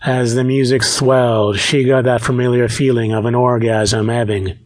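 A man reading a romance audiobook aloud, in a steady, measured narration. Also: medium pitch. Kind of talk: scripted narration.

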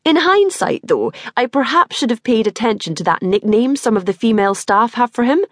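A woman's voice: fairly high pitch, big pitch swings, brisk, fairly bright tone, no room sound, clean studio sound, voice pushed up. A woman voicing a sheepish, joking male friend in an audiobook.

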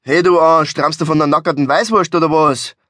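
A man voicing an irate, gruff middle-aged driver who barks insults, in an audiobook. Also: mid-range voice, moderate pace, fairly bright tone, no echo, natural voice. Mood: angry ranting. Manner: gruff, swearing, barking insults. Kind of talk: audiobook character voice. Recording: dry studio recording.

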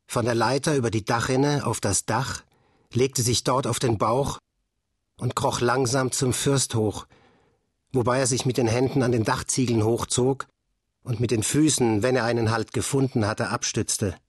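Man, audiobook narrator, husky voice, calm measured reading, dry close sound. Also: medium pitch, no echo.

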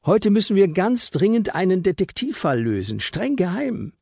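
A man's voice: high voice, sing-song, moderate pace, creaky, darkish tone, breathy edge, no echo, studio quality, voice pushed up, heavily acted. A man voicing an eager, determined little girl in a children's audiobook. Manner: pleading, eager.

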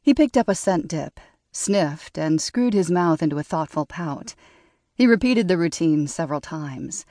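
Steady woman audiobook narrator. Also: fairly low pitch, measured pace, no room sound, studio quality. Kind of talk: scripted narration.

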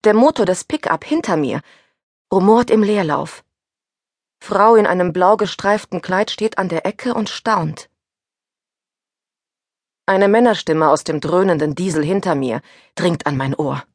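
Woman reading a thriller audiobook, husky, slow and low, gets tense in the scary bits, dry close mic. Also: no room sound. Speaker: audiobook narrator. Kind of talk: scripted first-person narration.

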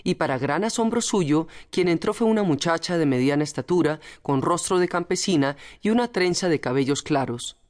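A woman reading a novel aloud as audiobook narrator in a measured, dramatic manner. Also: sits low, lively intonation, darkish tone. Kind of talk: scripted narration.

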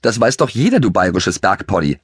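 A man's voice: lowish voice, sing-song, a little fast, slightly rough, dry recording, studio quality. A man voicing a cheeky, bossy young male pony in a children's audiobook, snappish and teasing.

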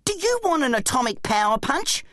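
A man voicing a hot-headed, exasperated young boy hero in a children's audiobook, with shouty, indignant outbursts. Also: very high-pitched, big pitch swings, a little fast, dry recording, clean studio sound, pitched above the performer's own voice, exaggerated voice. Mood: angry. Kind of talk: audiobook character voice.

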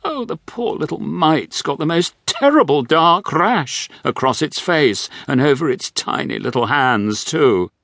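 Brief: fluttery dowager, as a man puts her on, lively. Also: fairly high pitch, a little slow, hardly any pauses, no room sound, clean studio sound, pitched above the performer's own voice, full character voice. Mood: fretful. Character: fussy older upper-class English dowager woman.

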